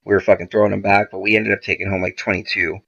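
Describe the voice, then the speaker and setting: Man, podcast guest; rough, gravelly low voice; profane, animated storyteller who quotes everyone; dull lo-fi recording. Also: very fast. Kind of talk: casual storytelling.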